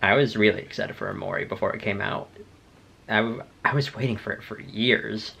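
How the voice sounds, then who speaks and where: Low-pitched young man, chatting casually. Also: creaky, a bit bright, a little hiss or hum. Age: young adult. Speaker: video creator. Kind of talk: casual rambling chat, reading out journal entries.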